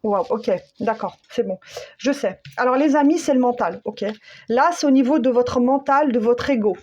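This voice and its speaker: A woman giving a spiritual tarot guidance, speaking slowly and searching for words, with many fillers and repeated phrases. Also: on the high side, a little mellow, highs cut off. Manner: slow, soothing, repeats key phrases. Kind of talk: spontaneous spoken guidance.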